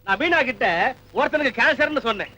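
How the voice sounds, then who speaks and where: A middle-aged doctor with a mocking, offhand manner and a bright, high voice. He makes light jokes about grave news in a film comedy scene. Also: expressive, quick pace, muffled recording, exaggerated voice. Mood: teasing. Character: joking, blunt male doctor who teases.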